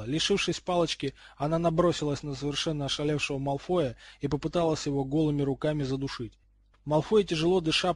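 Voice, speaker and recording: A man reads a storybook aloud in a steady, expressive way. His voice is fairly high and husky. The recording is dry and close, with no room sound. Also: dry recording. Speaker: audiobook reader. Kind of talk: storybook narration.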